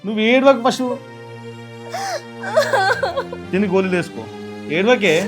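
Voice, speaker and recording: A man playing a fast-talking young husband. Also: high voice, faint music behind, lightly acted. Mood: coaxing. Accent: Telangana Telugu. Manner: coaxing, urgent. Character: young husband consoling his pregnant wife. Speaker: actor. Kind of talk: village short film acting.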